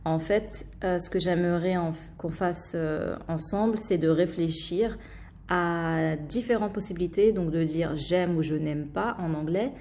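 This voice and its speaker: Slow, patient teacher woman. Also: fairly low pitch, darkish tone. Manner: patient, explains slowly with fillers and repeated examples. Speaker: English teacher. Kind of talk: online language lesson.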